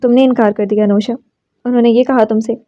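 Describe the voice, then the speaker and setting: A woman's voice: a little high, fairly even intonation, lightly acted. Abbas, a weary resigned young man, read by a woman. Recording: slightly dull lo-fi recording.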